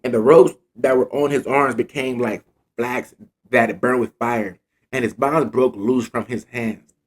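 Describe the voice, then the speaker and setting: A husky man tells Bible stories in a relaxed, slangy way. He reads scripture and then breaks into lively commentary. His voice is mid-pitched and rough. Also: measured pace. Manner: animated retelling in slang, acting out quotes. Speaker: Bible teacher. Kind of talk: casual Bible storytelling.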